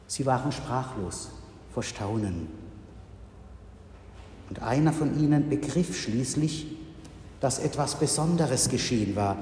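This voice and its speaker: A male pastor giving a sermon in a slow, measured way with solemn pauses, in a church. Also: on the high side, dark tone, slight background noise. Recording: reverberant church hall.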